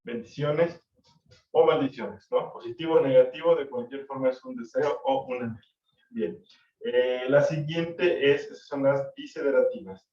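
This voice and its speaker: A man's voice: mid-range voice, normal speed. A male teacher gives a class lecture. He explains step by step, repeats key terms and adds tag questions. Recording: dull, roomy audio from a distant mic.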